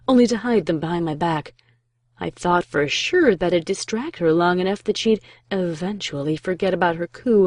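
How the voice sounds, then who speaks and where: A regal pony princess from a cartoon fan drama , acted by a woman, with a soft, mellow tone. She is composed and nonchalant, quietly sly, as if no crisis could bother her. The sound is dry and intimate. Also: mid-range voice, no echo, lightly acted. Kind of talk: fan fiction audio drama acting.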